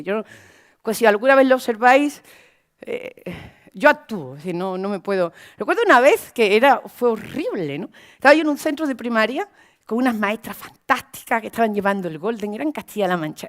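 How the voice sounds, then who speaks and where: Woman lecturer, expressive and emphatic, lively pitch, fairly high voice. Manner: animated, expressive storytelling, emphatic repetition. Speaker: lecturer training teachers. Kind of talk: lecture with anecdotes.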